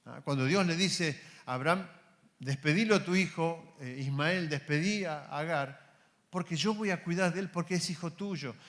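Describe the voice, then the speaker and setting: This Argentine preacher's voice is a little high as he addresses his congregation as brothers. He asks many rhetorical questions and softens and slows his voice whenever he quotes God.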